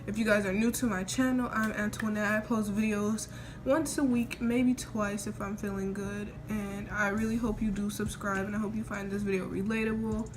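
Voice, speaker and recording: Young female vlogger, informal and rambling storyteller, sore post-surgery mouth, mid pitch, noisy home audio. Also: fairly even intonation, normal speed. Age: young adult. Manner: informal, rambling, quoting herself. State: sore mouth the day after oral surgery. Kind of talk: casual chat, personal story. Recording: noisy homemade recording with room ambience.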